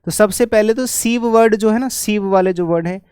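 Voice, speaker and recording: A man teaching an exam spelling lesson, spelling out words letter by letter and repeating them slowly. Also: high-pitched, darkish tone, clear, resonant tone, dry recording, studio quality. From India. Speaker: English teacher.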